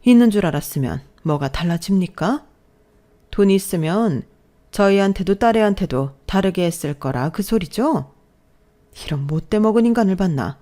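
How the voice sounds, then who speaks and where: In a storybook drama, a fierce older widow lashes out in a forceful, scolding voice, as a woman narrator puts her on. She speaks a little higher and louder than the narration. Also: expressive, normal speed, lightly acted. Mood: indignant.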